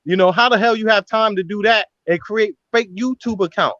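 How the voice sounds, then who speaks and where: On a call, a male guest in a live stream argues heatedly and defensively, rambling and repeating "you know what I'm saying" a lot. His voice is high-pitched, brisk and fairly bright, and the audio is dull with no echo.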